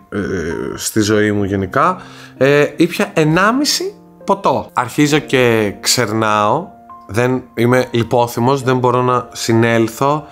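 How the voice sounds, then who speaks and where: A man's voice: mid-range voice, a bit bright. A young man with a Greek accent recounts his story in a casual vlog, shaken and repeating himself, speaking frankly to his viewers. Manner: shaken, repetitive, frank retelling. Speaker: vlogger.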